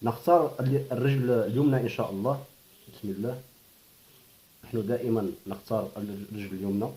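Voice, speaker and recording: Fast-talking Algerian man, mellow voice. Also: mid-range voice, poor audio. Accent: Algerian Arabic. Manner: murmurs blessings softly while working. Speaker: pigeon breeder. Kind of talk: hands-on how-to tutorial.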